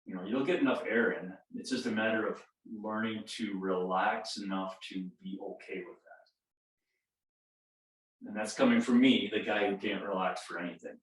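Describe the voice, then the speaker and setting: Speaking on the low side at normal speed, a fifties-aged man guides a yoga class, lengthening his cues and chuckling at his own self-mocking jokes. The recording is roomy and echoey, with him far from the microphone.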